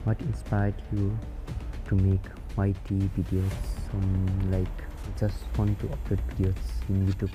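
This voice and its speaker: Teenage boy, from Nepal, hesitant, low flat voice, loud music behind. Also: a little slow. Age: teens. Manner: hesitant, searching for words. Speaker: gaming YouTuber. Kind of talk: casual Q&A over gameplay.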